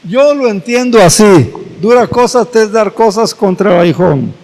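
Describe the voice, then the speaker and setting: A man pastor preaching a sermon, retelling scripture slowly and dramatically with repeated phrases. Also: high-pitched, expressive, vocal fry, a little mellow. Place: church hall. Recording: echoey church hall.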